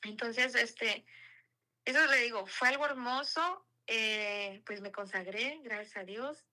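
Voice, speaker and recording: A woman's voice: fairly high pitch, takes it slowly, bright, forceful tone, low-quality recording. A woman giving an earnest, casual spoken testimony, repeating words for emphasis.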